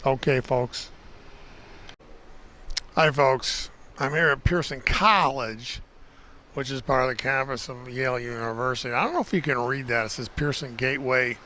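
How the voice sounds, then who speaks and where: A man speaks to his viewers on a walk across a college campus, bright and forceful in tone and sitting in the middle of the male range. He rambles, corrects himself and speaks to the audience as folks. Faint outdoor street noise and the odd passing vehicle sit under his handheld camera audio. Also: medium pitch, moderate pace, rough recording. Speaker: video tour guide. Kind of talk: casual walking-tour vlog.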